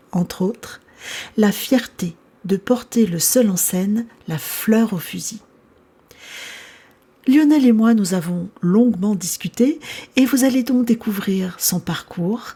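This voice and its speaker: Female podcast host, husky tone, mid-pitched, welcoming delivery. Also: dark tone. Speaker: podcast host and cultural mediator. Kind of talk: scripted podcast intro and interview. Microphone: video call.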